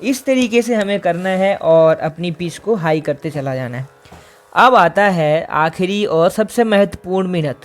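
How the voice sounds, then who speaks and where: A man's voice: sits high, expressive, a little slow, music in the background. A man teaching a singing lesson, explaining vocal exercises patiently step by step.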